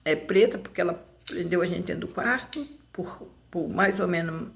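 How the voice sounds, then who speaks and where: A woman giving emotional personal testimony in a halting, repetitive way, with many restarts. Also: lowish voice, gravelly. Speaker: interview guest.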